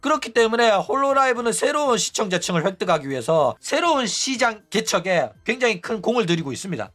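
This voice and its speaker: Male commentator, high voice, animated pitch, mocking tone, rhetorical questions. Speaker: host of a VTuber news channel. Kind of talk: opinionated commentary.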